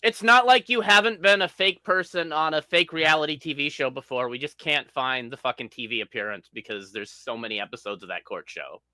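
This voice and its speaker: A man's voice: fairly high pitch, brisk, hardly any pauses, sharp tone, no echo. A man co-hosting a casual podcast chat, laid-back and wry, often trailing off.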